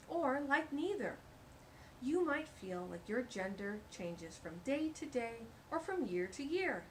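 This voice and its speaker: A woman reading to young children at storytime speaks in a slightly high voice, carrying a picture book along with an animated, warm sing-song and chatty asides about its pictures. Slight background noise and low recording quality come through.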